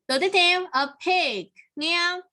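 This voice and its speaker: A woman's voice: very high-pitched, slow, bright, forceful tone. A woman teaching English to a child online, patiently repeating words and praising answers.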